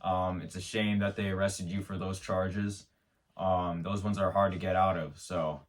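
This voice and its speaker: A man fronting his own show delivers a rambling, mock-serious absurd story as a comedic monologue, tripping over restarts. He has a deep, level voice at a moderate pace, captured from a distance.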